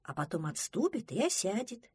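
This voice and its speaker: A calm, knowing male creature from a children's tale, steady and a little lower, as a woman acts him out. The voice sounds husky and close. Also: normal speed, dry recording.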